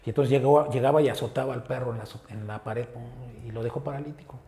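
A man with a Mexican Spanish accent, an animal rescuer, talking earnestly in an interview and often pausing on filler words. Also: mid-range voice, fairly even intonation, dark tone, slight background noise. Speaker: animal rescue group founder. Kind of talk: casual interview talk. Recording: roomy echo with faint ambience.

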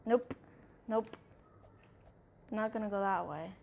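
A woman's voice: mid-range voice, takes it slowly, a little mellow. A woman hosting her own gaming channel, playing a horror game and commenting nervously, saying over and over how scared she is as she describes what she sees. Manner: thinks aloud, narrating what she sees. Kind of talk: let's-play commentary.

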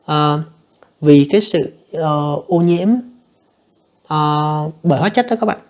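A woman teacher, going through an English exam answer by answer and reading the English lines slowly. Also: low voice, darkish tone. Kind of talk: exam review lesson.

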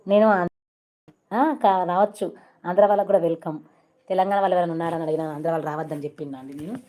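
A woman's voice: fairly low pitch, steady tone, very fast, warm tone. A woman from Telangana with a Telangana Telugu accent, hosting a casual live stream, chatting and greeting viewers by name with English phrases mixed in. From Telangana, India.

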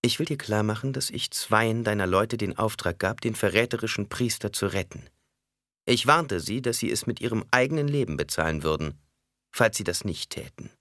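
A man's voice: lowish voice, expressive, moderate pace, a bit bright, dry recording, studio quality, voice pushed up. A man voicing a stern, proud noblewoman who speaks with icy, commanding scorn. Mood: accusing.

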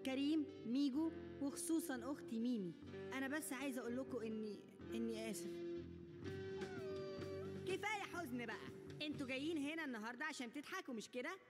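In an Egyptian Arabic cartoon dub, a woman with a high, natural voice plays an eager, boastful but sensitive boy comedian. She delivers the lines earnestly and excitably, with music behind her voice.

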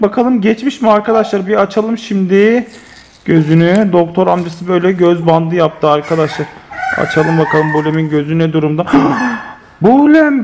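A man filming a casual family vlog, talking playfully to his kids and the viewers. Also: high-pitched. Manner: lively, playful, often laughing while talking to children and viewers. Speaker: family vlogger. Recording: noisy home video recording.

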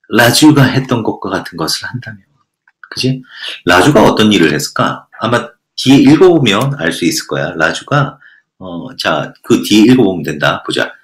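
A man teaching a textbook lesson, reading English lines slowly and then explaining them at length, often asking questions and answering them himself. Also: on the low side, very animated, a bit bright, echoey room. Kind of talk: lecture reading and translating a textbook passage.

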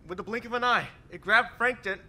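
A man's voice: very high voice, a little fast, pushed and bright, heavily acted. A man playing a panicked young student client who pleads for help in a comedic short film. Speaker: frantic client.

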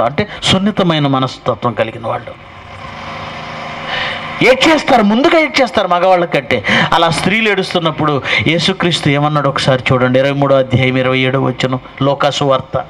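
A man's voice: fairly high pitch, a bit bright, poor audio. A man preaching a live sermon as pastor, emphatic and firing off rhetorical questions, with mocking asides.

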